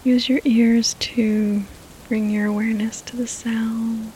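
Soft whispery woman guiding sleep meditation, very slow. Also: a little high, level tone, a little hiss or hum, poor audio. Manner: slow, soothing, gentle, with long pauses. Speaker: guided meditation host and sleep narrator. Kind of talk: whispered guided sleep meditation, like a sleep story narrator. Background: rain sounds and faint music.

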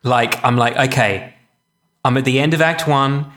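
A man's voice: mid-range voice, normal speed, a bit bright. A middle-aged man chats casually as a podcast co-host, slipping into easy storytelling asides. His voice bounces around a bare, unfurnished house, so it comes through echoey. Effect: echoey room sound. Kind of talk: casual chat. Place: empty house with no furniture.

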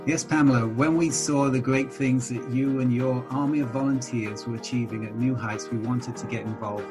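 A man's voice: mid-range voice, steady tone, normal speed. A man reading a formal, promotional part of a scripted show opening. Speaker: school founder and show sponsor. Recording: guitar music behind the voice.

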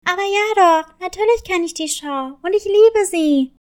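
A woman's voice: very high voice, a little slow, darkish tone. A woman voicing a kind, eager little girl kitten in a children's story. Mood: sweet. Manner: sweet, earnest, eager. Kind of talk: storybook reading.

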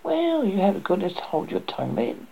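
A reader voicing a proud, disdainful tomcat who talks curtly in a gravelly, husky voice. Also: medium pitch, wildly swooping pitch, a little fast, mellow, pitched above the performer's own voice, heavily acted, poor audio. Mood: dismissive. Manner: curt, dismissive.

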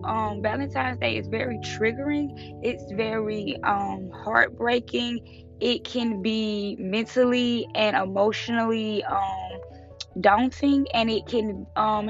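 A hoarse woman hosting a podcast casually, her rough voice sounding like a middle-aged man's. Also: mid-range voice, muffled recording. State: hoarse from allergies and smoking. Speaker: podcast host. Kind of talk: casual solo podcast talk.

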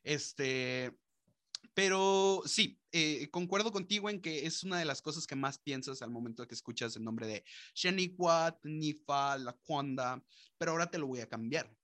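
Bright, slangy Mexican man chatting. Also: moderate pace. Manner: slangy, joking, mimics people in high voices. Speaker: podcast co-host. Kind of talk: casual podcast chat.

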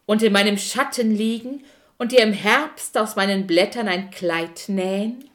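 A woman voicing a friendly talking apple tree that talks in a slow, stammering, goofy way. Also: mid-range voice, close to an everyday voice. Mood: playful.

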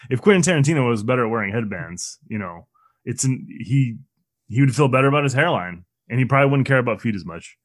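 A man co-hosting a casual movie podcast, trading crude quick quips. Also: medium pitch, expressive, no echo, studio quality. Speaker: podcast co-host.

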